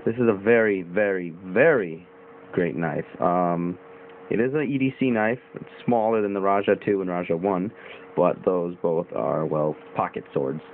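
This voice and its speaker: A young man with a slightly low voice rambles through a casual knife review video, informal and loose, using ums, uhs and mild swearing. The audio sounds thin and phone-like with a faint hiss underneath.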